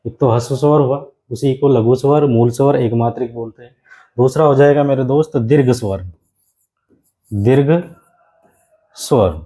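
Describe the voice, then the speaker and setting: A man with a mellow, warm voice teaching grammar to exam candidates. He talks at a middling pitch and slows right down to repeat each phrase for dictation. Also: poor audio. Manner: repeats key phrases slowly for dictation, keeps calling the class "my friend". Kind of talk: exam-prep classroom lesson.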